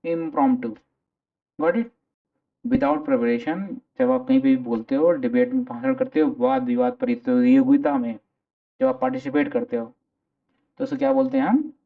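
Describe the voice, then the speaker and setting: A man teaching with an Indian English accent, his fairly high voice swinging up and down as he explains words. His voice is gravelly, and the sound is thin and tinny like a phone line. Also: big pitch swings, normal speed. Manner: explains in mixed Hindi and English, asking and answering his own questions. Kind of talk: classroom vocabulary lecture.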